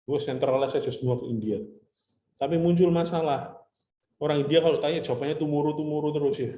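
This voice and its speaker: A man lectures a class in a relaxed, chatty way, dropping English terms in and telling stories from his own experience. His voice is mellow and dark. The room gives it a clear echo. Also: a little high, fast talker. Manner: chatty, mixes in English terms, tells anecdotes.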